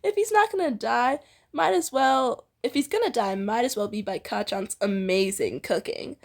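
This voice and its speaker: A woman with a fairly high, gravelly voice co-hosts a fan fiction reading at a normal speed. She narrates the story playfully, adding giggly, teasing banter along the way.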